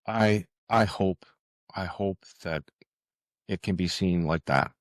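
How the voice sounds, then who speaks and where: A low, deep-voiced man answers questions as a guest author in a relaxed, conversational interview. He sounds earnest and halting, often searching for words. The recording is dry, with very little room sound.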